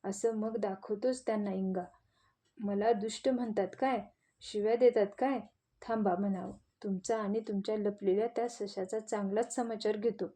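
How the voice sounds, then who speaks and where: A woman's voice: medium pitch, steady tone, normal speed, dark tone, natural voice. A woman voicing a greedy, sly male wolf in a children's audio story, full of blustering threats. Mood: angry.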